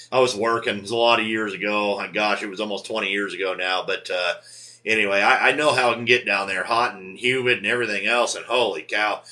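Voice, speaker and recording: A man's voice: fairly low pitch, pushed and bright. A man operating a ham radio station from Montana, chatting casually with callers and signing off with call signs. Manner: friendly, drawn-out sign-offs with repeated "Roger, Roger".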